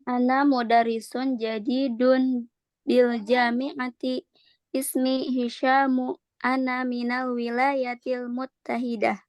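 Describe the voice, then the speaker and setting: A woman reading Hisham, a flat new teacher. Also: fairly high pitch, slow pace, dry recording. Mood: polite. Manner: flat, careful learner's reading. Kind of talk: reading a textbook dialogue aloud.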